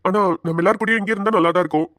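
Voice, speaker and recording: A woman's voice: mid-range voice, very fast, no echo, close to an everyday voice. A woman voicing a tender young husband who soothes his worried wife in a cartoon. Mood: soothing. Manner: gentle, pleading, calls her fondly.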